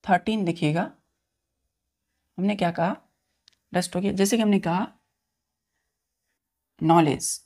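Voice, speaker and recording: A man's voice: sits high, slow pace, long pauses, darkish tone. A male teacher runs a grammar lesson, addressing his students as children. He spells each word out letter by letter and keeps checking in with a short "okay". He often poses a question and answers it himself.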